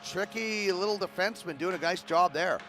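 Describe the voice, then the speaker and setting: A man calling live hockey play-by-play, brisk and rising with the action. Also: high voice, fairly bright tone, faint music behind. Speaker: play-by-play commentator.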